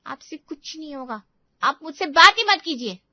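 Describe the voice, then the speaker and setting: A woman doing a shrill, sulky young bride. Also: expressive, a little fast, dry recording, highs cut off. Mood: sulky, angry. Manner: shrill, petulant outbursts. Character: sulky young bride, quick-tempered and tearful. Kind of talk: cartoon story voice acting.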